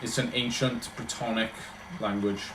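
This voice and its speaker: This Welsh man speaks in a mid-range voice with flat delivery at a moderate pace, recorded in a roomy space with background noise. Chatting casually on a livestream, he answers viewers in loose, rambling run-on thoughts.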